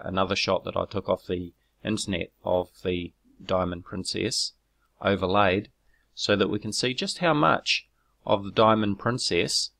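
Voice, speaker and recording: In a narrated screen walkthrough, a video creator explains his own footage; he's a low-voiced, gravelly New man with a bit of brightness. His explanations are measured yet full of ums and self-corrections, and he gets combative when answering critics.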